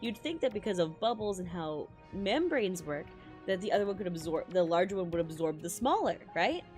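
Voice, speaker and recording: A woman streaming a game reads its story aloud and reacts in real time, prone to excited outbursts and tripped-up words, with game music underneath. Her voice runs on the low side, and she talks fairly quickly.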